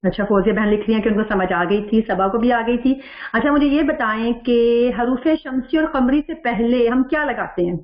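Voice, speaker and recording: A woman's voice: on the high side, highs cut off. Patient woman teaching an echoey online class. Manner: patient, asks questions and reads out students' answers. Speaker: Quran recitation teacher. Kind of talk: online class reviewing the last lesson.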